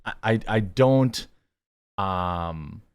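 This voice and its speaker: Low-voiced man giving rambling commentary. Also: clean tone, dry recording. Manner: rambling, halting, conversational. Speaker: show host commentator. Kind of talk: casual reaction commentary.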